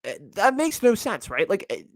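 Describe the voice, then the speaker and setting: A young man talking off the cuff on his own podcast, his pitch leaping up and down as he gets worked up about a point. His voice sits a little high for a man and comes across close and dry, with loose fillers and self-corrections throughout. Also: normal speed, no room sound. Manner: rambling, conversational, frequent fillers and self-corrections; animated, swearing. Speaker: podcast host. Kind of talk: casual solo monologue.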